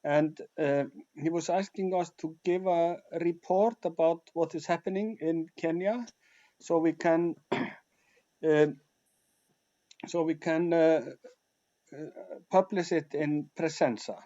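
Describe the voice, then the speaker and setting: A man from Iceland, hosting an online meeting over a video call and talking haltingly as he searches for his words. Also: on the high side, fairly even intonation, mellow. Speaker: meeting host. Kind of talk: casual online meeting talk. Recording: muffled video-call audio.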